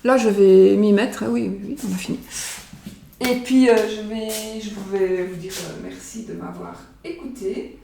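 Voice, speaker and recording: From her home kitchen, a psychic vlogger shows off her oracle cards, chatting casually and rambling with lots of fillers and repetition. Her medium-pitched voice is warm, creaky, steady, and unhurried, with a slight hiss or hum. The recording is echoey, and she sounds far from the mic.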